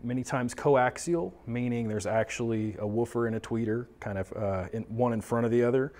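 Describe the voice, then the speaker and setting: This American man from Texas, in his thirties, is a tech talk presenter giving a casual explainer on audio products, often raising questions and then answering them. He speaks briskly in a medium-pitched, slightly mellow voice, seated or standing at a table in a small indoor studio office.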